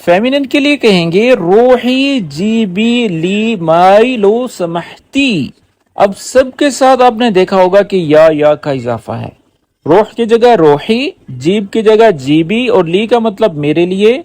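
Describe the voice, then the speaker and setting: Man, patient language teacher, repeats phrases slowly, dry close sound. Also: sits high, lively intonation, a little mellow, no room sound. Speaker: Arabic teacher. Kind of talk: language lesson.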